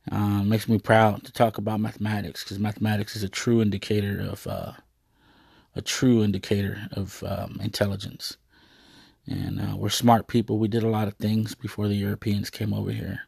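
A man's voice: on the low side, completely flat delivery, normal speed, vocal fry, a little mellow, husky, no room sound, studio quality. A man giving a rambling, earnest monologue to his viewers, full of hesitations and fillers. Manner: earnest, proud.

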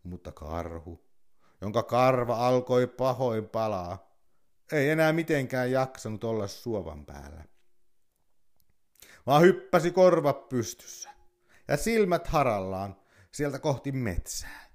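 A man reading a folk tale aloud with plenty of lift and fall in his voice. His telling is measured and expressive, in a mid-pitched voice. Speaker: narrator. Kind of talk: storybook narration.

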